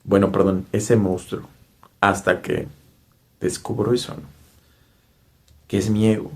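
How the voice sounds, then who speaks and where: Man, Mexican accent, low voice, earnest storytelling, keeps checking in with listeners. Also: steady tone, measured pace, creaky. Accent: Mexican Spanish. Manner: earnest, frequent tag questions. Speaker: spiritual speaker. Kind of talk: personal storytelling monologue.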